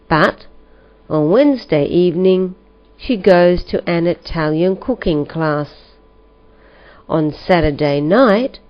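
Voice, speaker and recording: Female reader for a learners' listening test; very slow, careful delivery on a muffled lo-fi recording. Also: on the low side. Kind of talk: slow scripted reading for learners. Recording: dull lo-fi recording.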